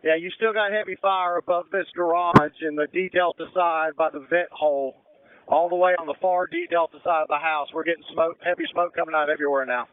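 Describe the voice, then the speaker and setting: A man working as fire incident commander, giving brisk, procedural orders over a two-way radio. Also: fairly high pitch, fairly even intonation, smooth, dry recording. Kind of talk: emergency radio dispatch commands. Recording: narrow-band fire radio transmission.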